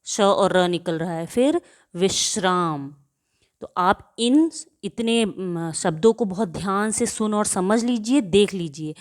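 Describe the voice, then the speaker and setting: Speaking at medium pitch with a darkish tone, a woman teaches grammar to children, posing questions and supplying the answers herself. She draws out example words so the pupils can hear how they sound, drilling them slowly and deliberately through repeated questions and answers.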